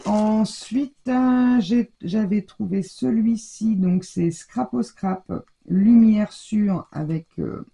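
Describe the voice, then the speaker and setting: A woman's voice: on the low side, creaky, dark tone. A French woman casually showing her scrapbooking haul, chatty and rambling, with a scratchy throat and a stuffy nose. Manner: chatty, rambling, many fillers. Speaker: scrapbooking vlogger. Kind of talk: casual show-and-tell haul.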